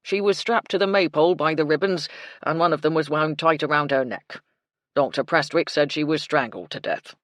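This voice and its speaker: A woman's voice: low voice, brisk, a bit bright, dry recording, clean studio sound. A woman narrator voicing a pompous, officious male village constable in an audiobook.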